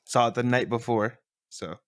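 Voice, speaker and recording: A man's voice: mid-range voice, moderate pace, fairly bright tone, no echo, clean studio sound. A man giving his opinions as a guest reviewer in casual, informal podcast conversation. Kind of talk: casual movie review chat.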